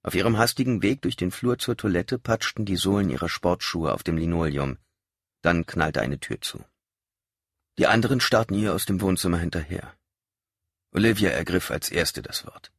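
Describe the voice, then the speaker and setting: A man narrating a novel in an expressive storytelling manner. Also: low voice, moderate pace, no room sound, studio quality. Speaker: audiobook narrator. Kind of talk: scripted narration.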